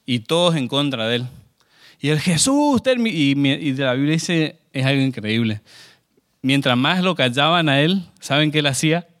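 A man's voice: mid-range voice, normal speed, a bit bright, smooth. A man preaching a sermon in a conversational way, often asking the congregation questions.

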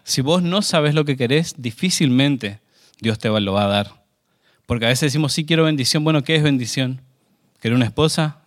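A man preaching a sermon in a conversational way, often asking the congregation questions. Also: medium pitch.

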